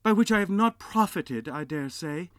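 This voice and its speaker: A man reading aloud and voicing a cheerful young nephew in a high, eager, pleading voice. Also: lively intonation, moderate pace, dry recording, clean studio sound.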